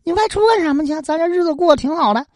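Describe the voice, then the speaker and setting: A woman's voice: very high voice, animated, rapid-fire, a little mellow, dry recording, clean studio sound, voice pushed up. A woman voicing a wronged ferrywoman wife. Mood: pleading. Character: devoted young ferrywoman wife, wronged and proud.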